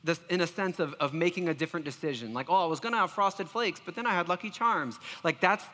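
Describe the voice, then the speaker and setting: Preaching a sermon fast, a high-voiced pastor comes across as earnest and self-deprecating, often tripping into restarts. A long reverb follows his bright, forward tone.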